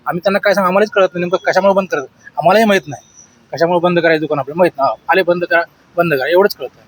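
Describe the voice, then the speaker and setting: A man who runs a shop speaks in a street interview, rushed and exasperated. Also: sits high, rough recording. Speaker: shopkeeper.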